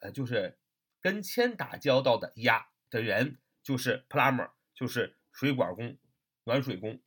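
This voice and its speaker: A man's voice: mid-range voice, animated, measured pace, a bit bright, breathy edge. A man teaching English vocabulary in a chatty way, spelling words out letter by letter and asking rhetorical questions. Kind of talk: lively vocabulary lesson.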